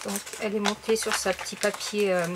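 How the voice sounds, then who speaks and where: A woman's voice: mid-range voice, little pitch movement, brisk, gravelly, very noisy. A woman chatting casually to viewers as she shows off craft supplies she bought, with lots of fillers and asides. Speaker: craft vlogger. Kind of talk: casual haul video.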